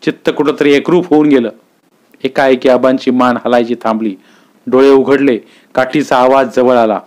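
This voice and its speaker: A man's voice: mid-range voice, steady tone, moderate pace, darkish tone. Man reading a story aloud.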